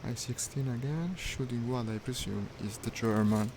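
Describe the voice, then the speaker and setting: A man's voice: medium pitch, moderate pace. A man streaming a flight simulator, giving wry running commentary as he plays, talking half to himself. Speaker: gaming streamer. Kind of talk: live commentary while playing a flight sim. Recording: noisy stream audio.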